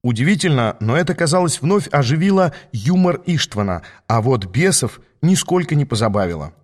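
Guy reading a fantasy audiobook, first person, steady even voice. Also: mid-range voice, a little fast. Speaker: audiobook narrator.

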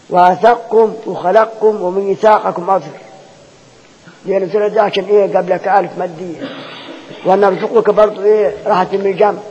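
A man's voice: high-pitched, a little mellow, slightly rough. A man with an Egyptian Arabic accent, teaching Quran recitation rules as a lecture, who keeps posing rhetorical questions and repeating each point to drill his students. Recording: dull lo-fi sound with long hall reverb.

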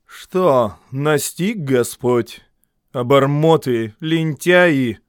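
A man's voice: drawn-out words, clear, resonant tone, dry recording, clean studio sound. A man playing a scornful scolding old mother-in-law. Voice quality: deep, almost mannish voice. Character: stern gray-haired peasant mother-in-law, contemptuous.

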